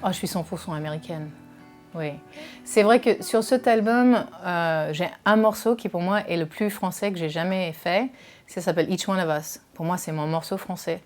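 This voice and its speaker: Hesitant American woman with a low voice. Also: moderate pace, soft background music. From California, USA. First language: English. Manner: hesitant, many fillers and restarts. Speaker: musician guest. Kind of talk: interview answers.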